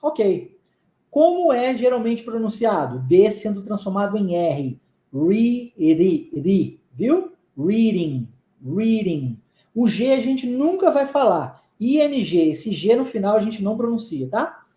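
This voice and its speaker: A teacher whose first language is Portuguese leads a live online English lesson in a mellow, dark voice. Phrases are drilled slowly and repeated, with frequent quick check-ins to the learners. The room is echoey. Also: medium pitch, big pitch swings.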